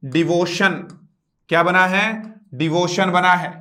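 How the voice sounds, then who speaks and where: Speaking slowly in a high, fairly even voice that sounds pushed and bright, a man delivers an English lesson as an online class lecture. He goes letter by letter through words, asks students to repeat, and quizzes them with rhetorical questions while repeating words.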